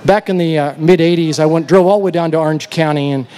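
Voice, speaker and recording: Between songs on an outdoor festival stage, a male country singer chats with the crowd, telling a rambling, easygoing story into a stage vocal mic. His voice is fairly high, his intonation fairly even, and he talks fast. It's live stage sound, with a loud band playing behind him.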